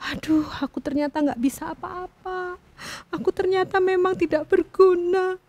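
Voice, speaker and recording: A woman voicing a small, timid sparrow who talks softly and sadly in a children's story. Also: sits high, lively intonation, normal speed, pitched above the performer's own voice. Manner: soft, meek, tearful.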